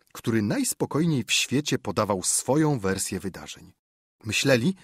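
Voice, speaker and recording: A male narrator reads a literary audiobook with a lively, rising-and-falling delivery. His voice has a slightly husky grain and sits at a middling pitch. The recording is dry and close, with no room sound. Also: dry recording. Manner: measured, expressive storytelling.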